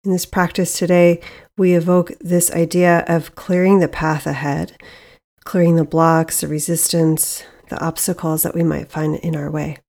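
This meditation guide and podcast host speaks slowly and soothingly, leaving many pauses. Her voice sits on the low side and carries a dark, relaxed quality.

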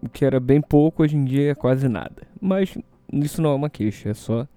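Hungover Brazilian man, very dark mellow voice. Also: mid-range voice, brisk. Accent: Brazilian Portuguese. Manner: hesitant, rambling. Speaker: solo show host. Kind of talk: casual rambling monologue.

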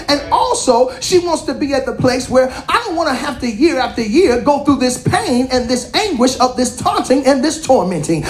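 Woman preacher, high voice, lively sermon, shouts and hushed asides, teases the congregation. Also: echoey room. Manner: swings between shouting and quiet asides.

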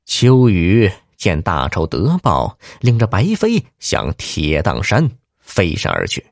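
Low, very animated male storyteller. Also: takes it slowly, gravelly, no echo, clean studio sound. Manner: dramatic, highly animated narration. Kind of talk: storytelling for children.

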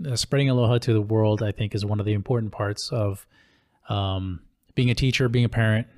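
A man's voice: on the low side, steady tone, fairly quick, a little mellow, dry recording, studio quality. Easygoing Hawaiian man, podcast chat. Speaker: podcast host, teacher and parent.

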